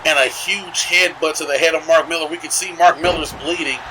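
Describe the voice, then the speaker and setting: A man's voice: a little high, steady tone, fairly quick, noisy background. A man giving color commentary on a wrestling match, analysing the strategy and the injuries as the action plays out. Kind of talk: live sports commentary.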